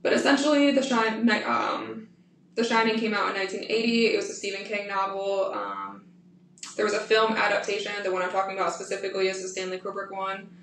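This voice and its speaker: A woman co-hosting a casual podcast, steadily explaining and recounting with the odd filler. Her voice sits at a middle pitch. She is off the mic in an echoing room with a faint hiss behind her. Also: level tone, a little fast, vocal fry, a bit bright. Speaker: podcast co-host. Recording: echoey room, distant from the mic, faint noise.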